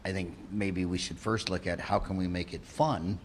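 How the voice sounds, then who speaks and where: A man's voice: sits low, steady tone, a little hiss or hum. Chatty joking American man interviewer. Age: 50s. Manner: chatty, joking, asks rapid questions. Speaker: podcast host. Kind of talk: casual interview.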